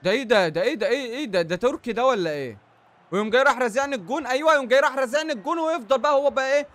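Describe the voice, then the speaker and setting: A man's voice: extremely high pitch, expressive, rapid-fire, fairly bright tone. A young Egyptian man commentating his own football video game matches, joking and trash-talking the opponent. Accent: Egyptian Arabic. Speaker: gaming YouTuber. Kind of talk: excited FIFA gameplay commentary.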